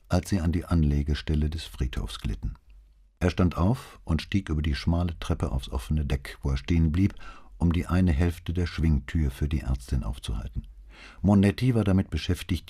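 A man narrating an audiobook in an even, measured way. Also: rumbling low, husky. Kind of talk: audiobook reading.

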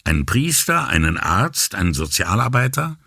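A man reading an audiobook voices a calm, politely ironic and skeptical male police commissioner. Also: on the low side, normal speed, creaky, breathy edge, dry recording, clean studio sound, exaggerated voice. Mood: dry. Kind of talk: audiobook character voice.

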